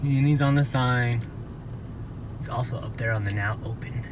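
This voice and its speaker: Walking down a city street outdoors, an older man vlogs at a moderate pace in a mid-range voice. He's chatty and musing, often breaking off to rethink what he's saying, with background noise around him.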